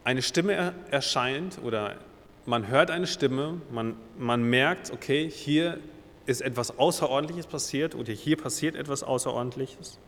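A man gives a sermon at a middle pitch, reading scripture and then retelling it in casual everyday words. He restarts and corrects himself as he thinks aloud. His voice carries a long reverberant tail, as in a large hall. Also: unhurried, a bit bright, slight background noise. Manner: reads Bible verses aloud, then explains them. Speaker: preacher.

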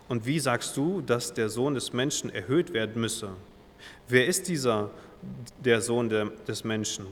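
A man's voice: medium pitch, long reverb tail, slight background noise. A man preaching a sermon who reads Bible verses aloud, retells them in casual everyday words, and often corrects himself as he thinks aloud.

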